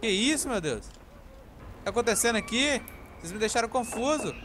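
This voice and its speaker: A man playing an online game with friends, chatting casually and now and then bursting out excitedly. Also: very high voice, moderate pace, slight background noise. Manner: focused, excitable outbursts. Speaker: gamer in voice chat. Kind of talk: casual gameplay chat.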